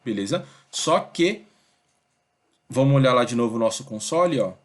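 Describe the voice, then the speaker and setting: A young man teaching a programming lesson in a relaxed, conversational way, thinking aloud and checking in with his students often. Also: medium pitch, moderate pace. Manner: conversational, thinks aloud, many fillers like "beleza?" and "ó". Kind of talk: casual screen-recorded coding lesson.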